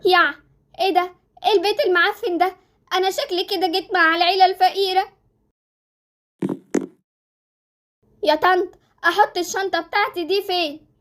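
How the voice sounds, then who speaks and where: A woman voicing a cheeky, impatient young orphan girl in a Roblox story, speaking with an Egyptian accent in a high, childlike, mouthy voice. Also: fairly even intonation, fast talker, fairly bright tone. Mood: disgusted. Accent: Egyptian Arabic.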